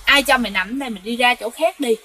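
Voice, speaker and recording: A woman's voice: on the high side, rapid-fire, bright, forceful tone, faint music behind. A woman voicing a spiteful, territorial old woman ghost who scolds and threatens in a storytelling narration. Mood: scolding.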